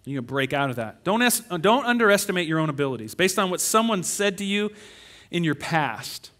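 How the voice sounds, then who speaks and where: Bright-voiced, animated male preacher. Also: high voice, a little fast. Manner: animated preaching, acting out whiny complaining voices. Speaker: pastor. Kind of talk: sermon.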